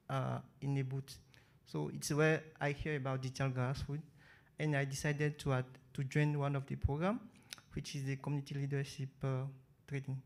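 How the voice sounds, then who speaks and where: A man with a Beninese French accent speaks at a mid pitch with little melodic movement. He addresses a session as its moderator. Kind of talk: public address at a conference session.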